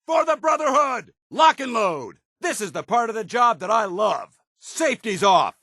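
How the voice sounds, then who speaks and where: An actor playing a stern, dutiful, righteous paladin soldier in a video game, with a clipped, authoritative military delivery. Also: male voice, high voice, sing-song, moderate pace, gravelly, sharp tone, no echo, clean studio sound, full character voice. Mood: fierce, commanding. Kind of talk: video game companion voice lines.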